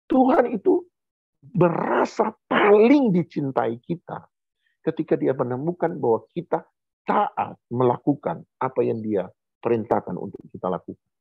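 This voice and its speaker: A middle-aged pastor preaches with an animated voice that swings up and down, repeating short phrases to drive points home. His voice is gravelly and husky. The recording sounds thin and phone-like. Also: mid-range voice, dry recording. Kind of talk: sermon.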